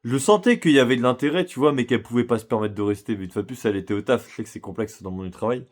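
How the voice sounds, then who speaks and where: A vlogger tells a personal story in a chatty, slangy manner, speaking directly to the listener. His medium-pitched voice comes out rapid-fire.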